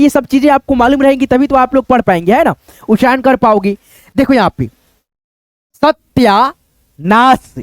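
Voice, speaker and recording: A man teaching Hindi reading online, breaking hard words into syllables and repeating them slowly, often calling the viewers friends. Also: extremely high pitch, dry recording. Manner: addresses viewers as friends with frequent fillers.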